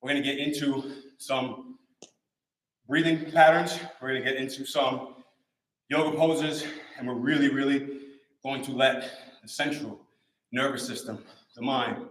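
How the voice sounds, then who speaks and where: A man coaching a live workout, energetic and encouraging, repeating short cues while a little out of breath. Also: mid-range voice, unhurried, pauses often. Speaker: fitness coach. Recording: roomy echo.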